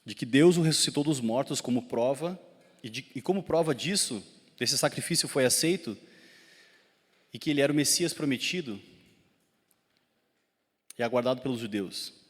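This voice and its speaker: This pastor from Rio Grande do Sul in southern Brazil preaches with a Gaúcho Brazilian Portuguese accent, his medium-pitched, husky voice expressive at a moderate pace with long pauses. His sermon builds in intensity as he poses questions to the congregation. A long church-hall reverb surrounds the recording.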